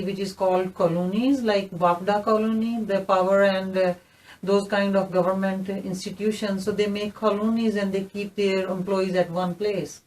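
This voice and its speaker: A woman's voice: mid-range voice, a little mellow. A woman in her fifties with a Pakistani accent, telling her story earnestly as an interview guest. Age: 50s. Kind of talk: recorded interview testimony. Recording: voice somewhat distant from the mic.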